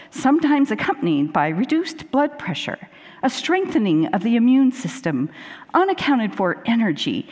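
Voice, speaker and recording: A woman's voice: mid-range voice, a little mellow. A woman putting on the voice of a cheerful female TV-commercial announcer reading side-effect warnings in a sing-song ad style. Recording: long hall reverb.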